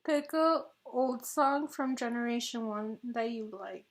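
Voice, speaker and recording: A giggly woman chats through a casual fan Q&A. Her voice sits a little high, and she speaks slowly, letting sentences trail off as she goes. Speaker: channel co-host.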